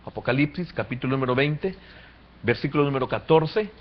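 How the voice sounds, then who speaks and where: Pastor preaching in lo-fi sound. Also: male voice, medium pitch, brisk, slight background noise. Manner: animated preaching, swinging from quiet to loud. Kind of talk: sermon. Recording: muffled lo-fi church recording.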